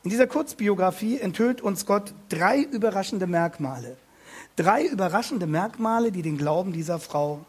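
A man preaching a sermon on a Bible passage, speaking emphatically, slowing down and repeating key words, and addressing his listeners directly with questions. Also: sits high, breathy edge.

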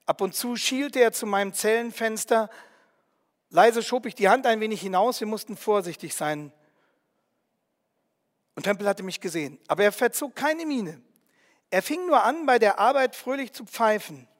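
A man narrating a first-person story in an earnest, vivid way, with quiet emotion. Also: high-pitched, normal speed, in a large hall.

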